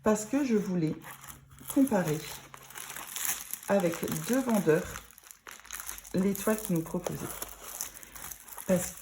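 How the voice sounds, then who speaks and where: A woman with a northern French accent chatting casually to her viewers in a vlog, self-mocking and quick to laugh. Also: medium pitch, lively intonation, noisy background. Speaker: vlogger. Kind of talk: casual chat to camera.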